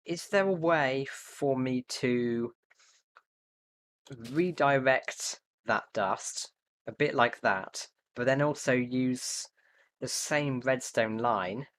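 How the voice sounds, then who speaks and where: A man's voice: medium pitch, slow, a bit bright. A young man streaming live, thinking aloud as he builds, hesitant and muttering to himself with many fillers. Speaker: livestreamer.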